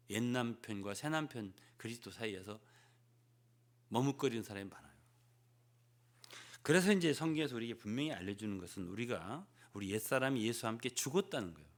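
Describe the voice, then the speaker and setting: An older man preaching a sermon as pastor, often prodding the congregation with a questioning "eh?" and swinging between loud emphasis and hushed asides. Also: mid-range voice, lively intonation, a little fast, pauses often. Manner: peppers phrases with prodding "예?" to the congregation.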